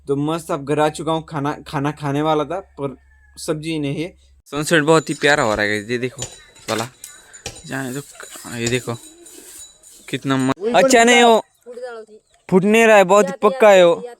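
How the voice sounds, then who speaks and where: A young adult vlogger with a fairly high voice chats casually through his day, rambling and frequently starting sentences over while saying "matlab" and "guys." He's outdoors at his village home and by the roadside, recorded on a handheld phone with a little hiss or hum.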